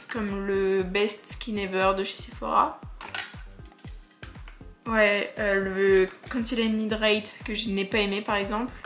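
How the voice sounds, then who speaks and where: A young woman, chatting through a casual makeup tutorial with joking asides and lots of fillers. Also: mid-range voice. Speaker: beauty vlogger. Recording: echoey room with faint music.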